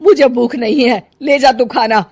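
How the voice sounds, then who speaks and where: An older Indian-drama style mother voiced by a woman, high and very animated. She sounds plaintive and easily irritated, in a story recorded dry and close. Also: a little slow, no echo. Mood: irritated, stubborn. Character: sad older mother, curt with stepson, pining for own son. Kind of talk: acted dialogue in a Hindi family audio story.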